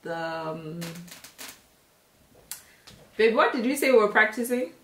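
A young lifestyle vlogger chats casually to camera from a small home kitchen and living room, her mid-range voice slow and expressive. She's playful and laughs often. The audio sounds roomy and distant, with music playing behind her.

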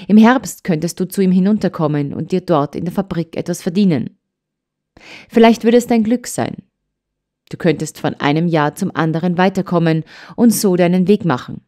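A woman voicing a kind, earnest old grandmother in an audiobook, admonishing gently and soothingly. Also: fairly low pitch, moderate pace, lightly acted. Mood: gentle. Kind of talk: audiobook character voice.

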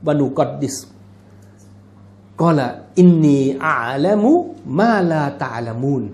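Man, high voice, religious lecturer, mosque, casual teaching, chanted recitation. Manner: conversational teaching with jokes and asides. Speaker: Islamic lecturer. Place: mosque hall.

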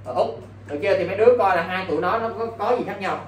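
A male English teacher with a high, very fast voice runs an exam-prep lesson, quizzing his students nonstop and repeatedly asking "got it?" Faint music plays behind him, and the roomy recording uses a distant mic with faint background noise.

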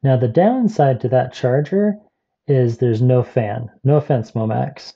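A man's voice: mid-range voice, unhurried, creaky, warm tone, slightly rough, highs cut off. A man chatting casually through a gadget review vlog, rambling with asides as he tries out devices.

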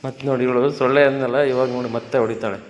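A man's voice: mid-range voice, fairly even intonation, fast talker, big-room sound, highs cut off, a little hiss or hum. A man from Karnataka coaching a home workout in a casual, bossy and teasing way, counting reps aloud. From Karnataka, India. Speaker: fitness coach.

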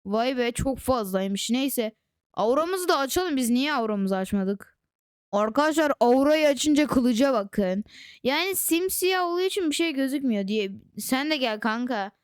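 A woman hosting a gaming channel, chatting excitedly to viewers through casual gameplay commentary on a close desk microphone. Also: on the high side, normal speed, clean tone, no echo.

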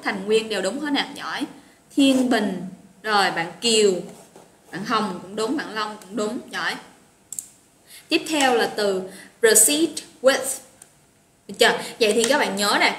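Greeting her students by name, a woman leads an online English vocabulary lesson in a friendly, encouraging, talkative way. Her voice is a little high and a bit bright, heard with roomy echo and slight noise.

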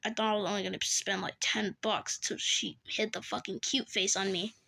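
A woman's voice: mid-range voice, little pitch movement, normal speed, gravelly, sharp tone, slightly rough, heavily acted. A woman voicing an easygoing earless male creature in a fan-made toy role-play, talking casually and swearing offhandedly.

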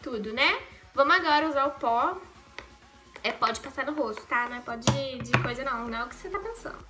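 A woman's voice: high-pitched, lively intonation, quick pace, over loud music. A young woman from Brazil chatting casually as she does her makeup at home, joking and rambling with self-corrections. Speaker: makeup vlogger. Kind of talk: casual get-ready-with-me vlog. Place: at home in a bedroom.

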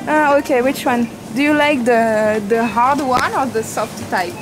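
A young woman with a high voice chats through a supermarket, explaining foods to her friend and laughing often. She is recorded on a handheld camera at arm's length, with loud store music behind her. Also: a little slow, poor audio. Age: young adult. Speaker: vlog host. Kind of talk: casual chat while shopping. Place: indoor supermarket. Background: loud background music.

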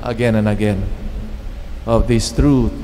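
Slow-speaking priest in a reverberant church. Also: male voice, on the low side, fairly even intonation, mellow, slight background noise. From Philippines. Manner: measured, halting phrases with pauses. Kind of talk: homily at Mass. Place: church chapel. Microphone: standing mic at lectern. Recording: long church reverb, faint ambience.

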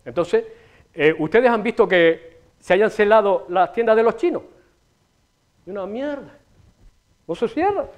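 A middle-aged man with a Canarian Spanish accent hosts a local TV show from a small studio backed by a city scene, gesturing broadly through a rambling, profanity-laced comic monologue. His voice is high with lively intonation, a little slow and full of frequent pauses. The recording sounds lo-fi.

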